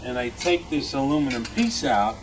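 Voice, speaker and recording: At a moderate pace and in a mid-range voice, a man walks fellow club members through items from his collection during an informal show-and-tell. The audio comes from a distant mic in a noisy meeting room with members in the background.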